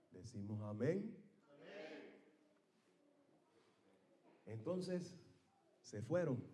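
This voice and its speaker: A man pastor preaching a sermon, telling the story dramatically with loud outbursts and hushed asides, calling the congregation for amens. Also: medium pitch.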